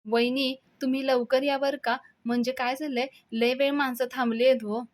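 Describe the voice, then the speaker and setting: Excitable young village guy hurrying people along, woman voicing him, a bit loud and high. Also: lightly acted. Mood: eager. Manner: excited, hurried urging. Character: eager young village man, fussing and excitable.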